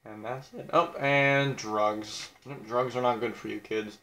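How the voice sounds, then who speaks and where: A man's voice: medium pitch, steady tone, measured pace, bright, forceful tone, roomy sound. A young man casually commenting on a video game, blunt and crude, mocking himself as he reads out who is eliminated.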